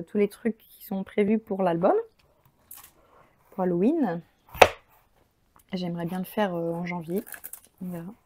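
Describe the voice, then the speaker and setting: Woman host, casual unboxing chat, mellow tone, eager and rambling. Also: mid-range voice. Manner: chatty, enthusiastic, thinks aloud with many fillers. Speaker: crafting channel host.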